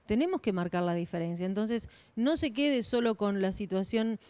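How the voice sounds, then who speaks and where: A woman's voice: mid-range voice, moderate pace, darkish tone, clean tone. A woman, co-hosting a church broadcast with announcements and encouragement. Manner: encouraging, addresses listeners formally. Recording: muffled lo-fi stream.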